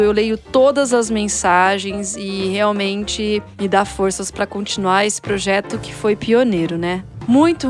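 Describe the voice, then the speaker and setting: Higher-pitched Brazilian woman, enthusiastic podcast host. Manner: enthusiastic, addresses listeners directly. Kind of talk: chatty, conversational podcast hosting.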